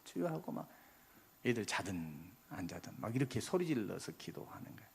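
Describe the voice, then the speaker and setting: A man preaching a sermon as pastor, swinging from loud, urgent emphasis to soft, quiet asides. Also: lowish voice, very animated, fairly quick, a little hiss or hum. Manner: impassioned preaching, rising loud then dropping soft. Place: church sanctuary. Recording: long hall reverb, slightly husky.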